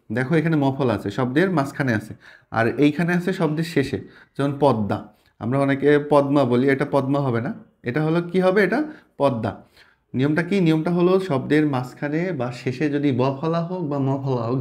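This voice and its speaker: Male teacher, mid-pitched, patient step-by-step explainer who quizzes himself aloud. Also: darkish tone. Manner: explains step by step, asks questions and answers them himself. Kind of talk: spoken language lesson.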